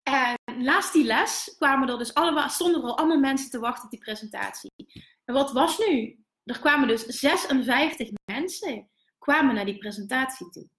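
A Dutch woman in her thirties, a business coach hosting a live stream, who tells candid, animated stories and swears now and then. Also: high voice, normal speed, echoey room. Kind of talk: live stream storytelling to viewers.

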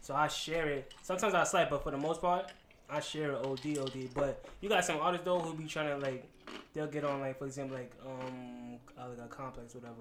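A man's voice: medium pitch, steady tone, brisk, a bit bright, slight background noise. A man with a Queens, New York accent in a casual chat, talking in a slangy, rambling way with lots of "like". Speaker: guest, music blogger and promoter.

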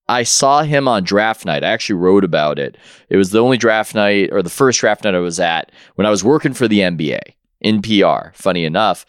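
Clear-voiced man telling a story. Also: lowish voice, dry recording, studio quality. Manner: animated storytelling. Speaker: guest writer. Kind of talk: casual podcast chat.

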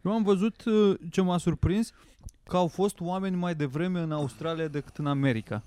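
A man's voice: high-pitched, dark tone, clear, resonant tone, dry recording. A man co-hosting a podcast, chatting bluntly and with curiosity, now and then swearing. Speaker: podcast co-host. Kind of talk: casual chat.

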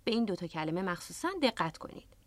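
Speaking in a fairly low voice, a female English teacher and radio host presents a language lesson on air. She explains words patiently into a close studio microphone, with no room sound.

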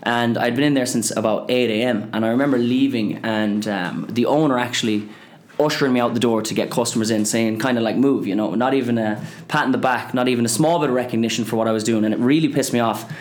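A twenty-something business co-founder from the west of Ireland, going by his accent, chats casually as an interview guest, his mid-range voice moving at a quick pace.

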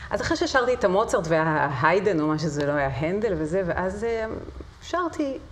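A woman's voice: on the low side, sing-song, a little hiss or hum. A middle-aged woman, a singer and voice teacher, telling her story as an interview guest, vivid and with hesitant fillers. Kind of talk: conversational interview.

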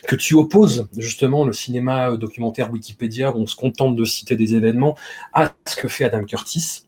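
A man with a somewhat husky voice of middle pitch hosts a film podcast. He reads prepared passages fluidly and slips into looser, hesitant conversation with his guest. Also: a little fast, darkish tone. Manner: reads prepared text smoothly, chats with hesitations. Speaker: podcast host. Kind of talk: podcast chat mixed with read-out commentary.

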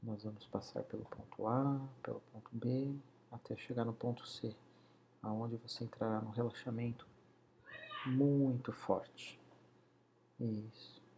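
Man, hypnosis guide, slow soothing delivery, dark gravelly voice, drops to whispers, faint hiss. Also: medium pitch, fairly even intonation. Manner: slow, soothing, drawn-out counting, often near a whisper.

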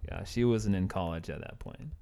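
A man's voice: deep voice, normal speed, vocal fry, dark tone. A man in his thirties, a podcast guest, chatting casually in a laid-back, rambling way with frequent laughs. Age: 30s. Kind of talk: casual chat.

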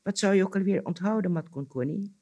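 Man putting on Anansi, a shrill sly spider. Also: fast talker, dark tone. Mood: wheedling. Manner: scheming, then shrill and furious. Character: sly boastful male spider trickster.

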